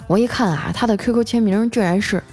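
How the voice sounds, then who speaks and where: A woman's voice: mid-range voice, fast, a little mellow, breathy edge, faint music behind. A young woman hosting a comic audio show, telling funny stories and reading listener messages in a chatty, playful way. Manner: chatty, playful, trails phrases with 啊. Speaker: podcast host.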